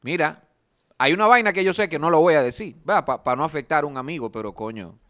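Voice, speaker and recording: A man, a panelist who speaks in an animated, exclamatory way and swears often in gossip talk. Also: fairly high pitch, fast.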